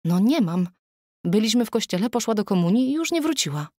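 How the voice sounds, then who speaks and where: A woman's voice: mid-range voice, sing-song, a little fast, darkish tone, dry recording, studio quality, voice pushed up. A woman narrating an audiobook, voicing a worried, defensive young husband in clipped, urgent lines. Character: young adult man, anxious, defensive husband.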